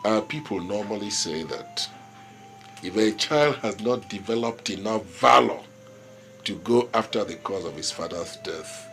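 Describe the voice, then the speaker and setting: A man's voice: fairly low pitch, lively intonation, fairly bright tone, slight background noise. A stubborn old Nigerian king. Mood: lecturing. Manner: measured, proverb-quoting, authoritative. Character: aging village king, proud, stubborn, lecturing. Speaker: traditional king. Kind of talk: film drama acting.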